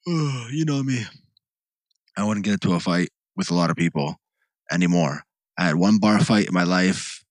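A young man co-hosting a podcast, telling a rambling, animated story full of restarts and "like". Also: deep voice, fairly quick, no room sound. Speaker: podcast co-host. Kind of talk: casual chat, storytelling.

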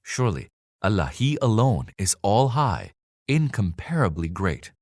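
A man reading a scripture translation aloud in a measured, solemn way. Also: lowish voice, big pitch swings, a little mellow, no room sound, clean studio sound. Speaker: scripture reader.

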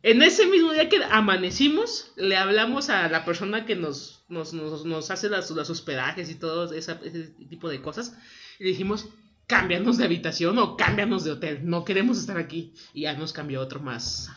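A young woman with a Mexican accent telling a scary anecdote in casual chat, acting out the voices in her story. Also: normal speed. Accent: Mexican Spanish. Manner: animated storyteller, acts out quotes with big pitch jumps. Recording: dull lo-fi audio.

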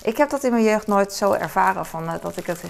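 This Hong Kong mother in her forties talks fast while doing housework, rambling casually and filling her speech with fillers in her Cantonese accent. Her mid-range voice is expressive and creaky, and there is slight background noise.

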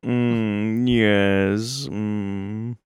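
A peculiar male game-show contestant, as a man puts him on, who hums a long "mm" before each phrase. He speaks extremely slowly in a lowish, very smooth voice, recorded dry and close. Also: little pitch movement, no room sound. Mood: slow, deliberate. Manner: drawn-out humming "mm" before every phrase. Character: strange slow-talking humming male contestant. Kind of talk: improvised comedy character.

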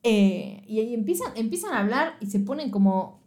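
Young woman, Rioplatense accent, casual chat, animated, slangy, higher voice. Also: moderate pace. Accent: Rioplatense Spanish. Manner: animated, acts out quotes with slangy asides. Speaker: podcast co-host. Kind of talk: casual chat recapping a drama series.

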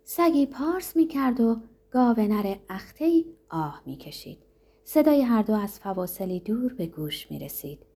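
A woman reads a novel aloud as first-person narration. Her delivery is steady and measured, with a mellow, warm tone and a mid-range pitch. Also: husky. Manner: steady, measured literary reading. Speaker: audiobook reader.

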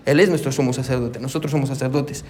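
A pastor preaching a sermon with lively delivery, peppering his points with "amén" and acting out little conversations. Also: medium pitch, fast. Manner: animated preaching, punctuated with frequent "amén"; acts out little dialogues with congregants and his wife.

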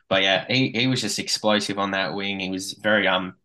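Casting: Australian man, sports podcast stats guy, blokey and casual, crisp bright edge, slightly deep. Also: normal speed. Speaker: sports podcast co-host reading match statistics. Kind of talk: casual rugby league stats rundown.

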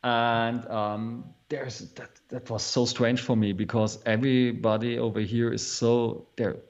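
A man's voice: medium pitch, level tone, a little slow, darkish tone. A man in his thirties with a German accent, a guest chatting casually in English as his second language, hesitant and repeating words with small chuckles. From East Germany. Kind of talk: casual conversation. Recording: dull lo-fi audio.

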